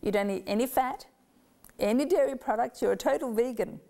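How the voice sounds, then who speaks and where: Woman guest, from Yugoslavia, gravelly and dark-toned, animated storytelling. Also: fairly high pitch, a little fast. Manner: animated storyteller, acts out voices in quotes. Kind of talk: storytelling interview.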